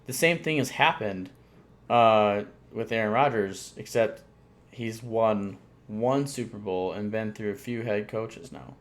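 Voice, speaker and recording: A man's voice: lowish voice, unhurried. A man co-hosting a sports podcast in casual chat, rambling with lots of fillers and restarts. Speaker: podcast co-host.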